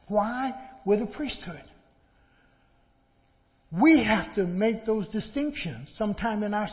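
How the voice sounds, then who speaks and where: A man preaching a sermon in a lecturing, admonishing manner, repeating phrases and asking rhetorical questions. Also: high voice. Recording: muffled, in a large reverberant hall.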